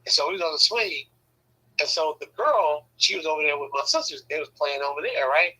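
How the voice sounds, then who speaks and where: Guy rambling through a story, swears a lot, keeps saying "right?", husky edge, kinda tense. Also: fairly high pitch, expressive, fairly quick, sharp tone, rough recording. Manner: rambling and profane, with frequent "right?" tags. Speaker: podcast host telling a story. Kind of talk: casual storytelling.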